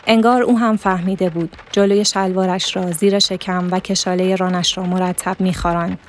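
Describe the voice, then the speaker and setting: A woman reading a literary story aloud as narrator, in a steady, measured manner. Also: lowish voice, a little hiss or hum.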